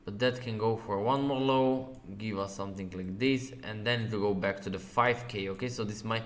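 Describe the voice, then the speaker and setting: A man's voice: lowish voice, steady tone, a little fast. Man hosting a trading webinar. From Slovenia. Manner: repeats "okay" often, plain non-native phrasing, laughs easily. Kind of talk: live webinar answering viewer questions over charts.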